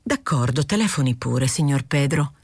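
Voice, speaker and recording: A woman reading aloud, voicing a weary but stubborn aging male newspaper editor who speaks calmly and evenly. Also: a bass voice, slightly rough, dry recording, full character voice. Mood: patient. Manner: calm, measured, feigning nonchalance.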